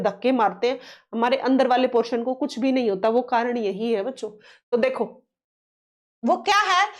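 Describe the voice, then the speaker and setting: A woman with a high voice teaches a science lesson for exam preparation. She asks questions and answers them herself, hammering home the key terms. She keeps reassuring her students. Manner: coaxing, reassuring tone toward students; reads English question text slowly.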